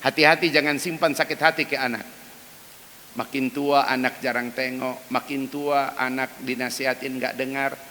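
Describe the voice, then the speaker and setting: A man's voice: level tone, moderate pace. A man preaching an emphatic dawn sermon in a mosque, speaking directly to the men of the congregation. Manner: acts out quoted prayers in loud, high cries. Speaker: ustadz preacher. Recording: reverberant mosque hall with faint hiss.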